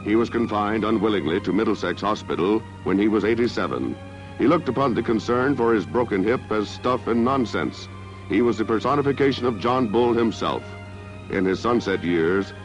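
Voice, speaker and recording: A man narrating an old 1960s newsreel in a declamatory, stately manner, heard on a film soundtrack. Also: on the low side. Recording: dull lo-fi 1960s newsreel audio with music.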